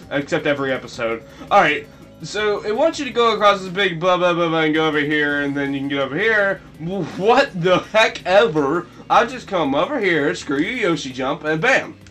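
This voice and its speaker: A goofy young-sounding man rambles through his gameplay commentary in a high, light voice, jumping between jokes and sudden shrill yelps. Faint game music plays under him. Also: moderate pace, bright, forceful tone. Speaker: let's play commentator.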